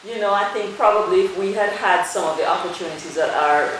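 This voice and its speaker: A middle-aged woman from Jamaica, a dermatologist answering interview questions in a measured, thoughtful way with frequent fillers. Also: fairly low pitch, a little hiss or hum. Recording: very echoey room with faint ambience.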